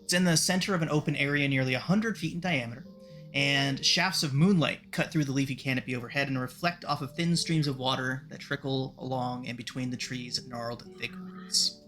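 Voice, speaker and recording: Bright-voiced man running a tabletop game. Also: mid-range voice, steady tone, brisk, soft background music. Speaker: game master. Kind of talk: narrating a tabletop game, casual.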